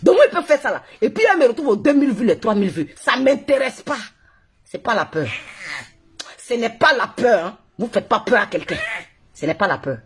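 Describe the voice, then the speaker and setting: Ranting on Facebook Live into her phone, a blogger with an Ivorian French accent mocks and scolds while laughing a lot. Her voice is slightly high, slightly rough, brisk and very animated, fitting the heated tone of the stream.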